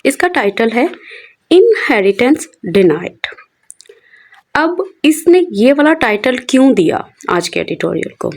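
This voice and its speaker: A woman who teaches English by walking students through a newspaper editorial. She asks questions and answers them herself, and reads the English phrases slowly. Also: a little high, sing-song, a little mellow.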